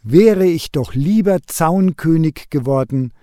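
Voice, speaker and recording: A man voicing a small, discontented male sparrow who keeps wishing to be something else, in a lively storybook reading. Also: fairly high pitch, slow pace, no room sound, clean studio sound. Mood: plaintive.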